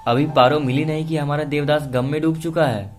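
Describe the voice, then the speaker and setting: A man putting on a cheeky young pal in a storybook drama, with a high, bleating, pleading way of talking. He teases his friend without pause, and every line comes out a notch louder and higher than the storyteller's own plain telling. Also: steady tone, faint music behind, close to an everyday voice. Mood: teasing. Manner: whiny, bleating banter. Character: joking, teasing young male best friend.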